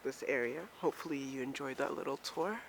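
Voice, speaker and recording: A woman's voice: very deep voice, brisk. Woman, from Maryland, casual walking vlog, chatty and rambling, slightly out of breath, outdoors, handheld camera, faint traffic behind. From Maryland, USA. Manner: chatty, rambling, self-mocking. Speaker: vlogger. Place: outdoors on a snowy street. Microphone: handheld camera while walking.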